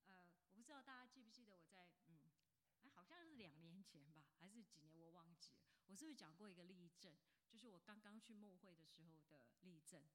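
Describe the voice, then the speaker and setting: Woman pastor in her fifties, bright forceful voice, chatty and animated, in a reverberant church hall. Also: on the low side, fast. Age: 50s. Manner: chatty, animated, asks the congregation questions. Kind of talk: sermon.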